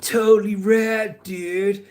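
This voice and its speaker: A man's voice: high voice, level tone, slow, a little mellow, voice pushed up. A man putting on a laid-back young surfer dude, drawling and stretching out his slang. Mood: stoked.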